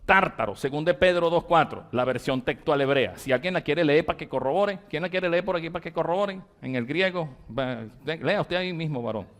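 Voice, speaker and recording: Emphatic Venezuelan pastor teaching Bible study. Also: male voice, on the high side, expressive, a little fast, hardly any pauses. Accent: Venezuelan Spanish. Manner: repetitive, emphatic, dictating terms to a congregation.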